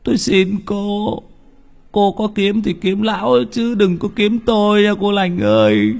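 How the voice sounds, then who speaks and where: A man's voice: animated, a little slow, vocal fry, a little mellow, full character voice. A man doing a stammering, terrified young servant. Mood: praying. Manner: stammering, pleading, shrill with fear. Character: terrified young male servant begging a ghost.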